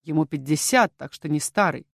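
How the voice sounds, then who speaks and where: A woman's voice: deep voice, normal speed, dry recording, clean studio sound, pitched below the performer's own voice. A woman voicing a scheming count, the heroine's smug older brother, who talks down to her in a soothing way. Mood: condescending.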